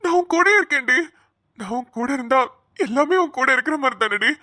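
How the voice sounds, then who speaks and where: A woman voicing a distraught young man who cries and begs his injured love to wake up in an animated cartoon. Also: sits high, fairly quick, no echo, clean studio sound. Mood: grieving. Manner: pleading, sobbing, repeating her name. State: crying.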